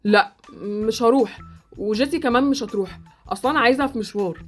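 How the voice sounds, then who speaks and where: A woman's voice: on the high side, fast, faint music behind, lightly acted. A woman with an Egyptian accent voicing Sultan, a blunt, awkward boy in a Roblox roleplay series. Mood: brusque.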